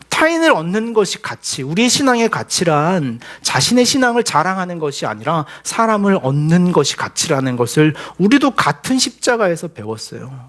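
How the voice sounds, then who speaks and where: A man's voice: fairly high pitch, a bit bright. A male pastor giving a sermon in a conversational, humorous way, acting out little quoted voices as he goes.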